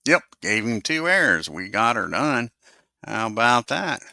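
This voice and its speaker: Slow, gravelly man calling a sim game. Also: mid-range voice, big pitch swings, no echo, clean studio sound. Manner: talks to himself while working the game software; swears under his breath when the software fights him. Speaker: host of a baseball simulation channel. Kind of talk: play-by-play of a simulated baseball game.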